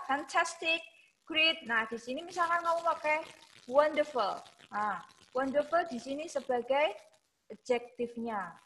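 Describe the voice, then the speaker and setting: A woman teaching an online English lesson, mixing English into her explanations and slowing down to model example phrases. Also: sits high, a bit bright, poor audio.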